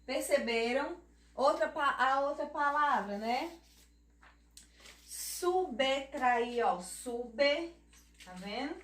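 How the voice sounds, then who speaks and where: A Brazilian woman teaching young children, spelling words out slowly and checking in with them, recorded off-mic in an echoey room. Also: sits high, a bit bright, recorded from a distance. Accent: Brazilian Portuguese. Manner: slow, drawn-out word spelling with tag questions; affectionate teacher talk, calls herself auntie. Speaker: primary school teacher. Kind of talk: children's lesson.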